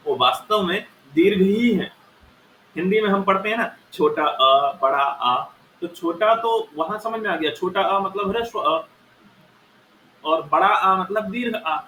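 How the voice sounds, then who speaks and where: A fairly high, bright male voice patiently walks through a grammar lesson, sounding out each vowel so the listener can hear it. The room rings with a noticeable echo. A faint hiss sits under the voice. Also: unhurried. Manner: patient, explains step by step and demonstrates sounds aloud. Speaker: Sanskrit teacher. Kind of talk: explaining Sanskrit grammar lesson. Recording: echoey room with faint noise.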